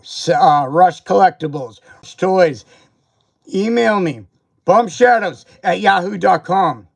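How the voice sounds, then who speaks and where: A man with a high voice and vocal fry hosts a livestream from his home setup. He's a toy reviewer, and here he rants angrily at a seller with profane, confrontational, repetitive jabs.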